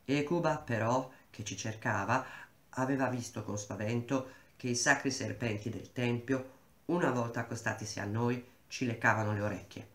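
Man reading a novel, echoey room. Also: mid-range voice. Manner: measured, unhurried literary reading. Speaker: reader.

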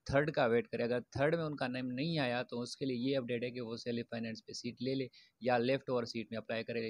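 A man's voice: mid-range voice, no echo. Man giving casual student updates. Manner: explanatory, many fillers and restarts. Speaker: education YouTuber. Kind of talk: informal update talk to camera.

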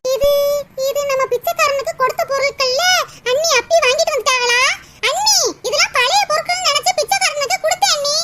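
A woman's voice: very high-pitched, fast talker. A woman voicing a generous young girl in a cartoon, giggly and pleading. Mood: chirpy. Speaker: cartoon voice actor. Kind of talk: Tamil cartoon dubbing. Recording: loud background hiss.

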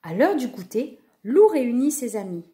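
A woman narrating a children's story in a lively, expressive way. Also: fairly high pitch, normal speed.

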